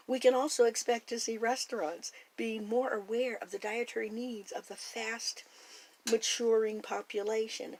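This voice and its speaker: An older woman with a gentle, earnest and hopeful way of talking, giving a reflective personal monologue. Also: mid-range voice, low-quality recording. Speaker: food blogger and podcaster.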